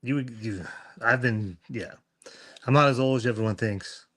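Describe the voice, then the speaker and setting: A man co-hosting a live podcast about collectibles in a laid-back way. He speaks at a middle pitch and mostly keeps his replies short and easygoing. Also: normal speed, a bit bright. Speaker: podcast co-host. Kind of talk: casual live-stream chat.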